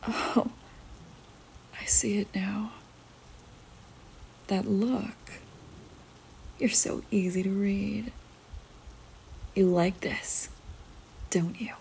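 For an ASMR roleplay, a woman voices a dominant, teasing young woman who gives commands slowly in a breathy whisper, her mid-range tone dark and mellow, steady, with gravelly fry at the edges. The low-quality recording carries a little hiss or hum.

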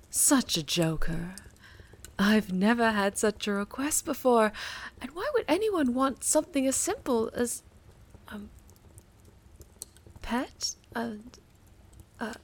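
A woman voicing a seductive otherworldly warlock patron in an audio roleplay, teasing and whispery. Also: mid-range voice. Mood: flustered tender. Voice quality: breathy, whispery. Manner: teasing, purring, slow.

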